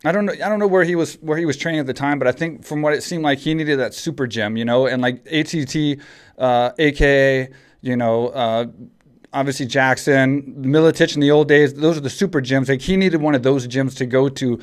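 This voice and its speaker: Rambling through casual chat with frequent restarts and fillers, a Texan podcast host in his forties speaks at medium pitch. His delivery is a little fast and smooth.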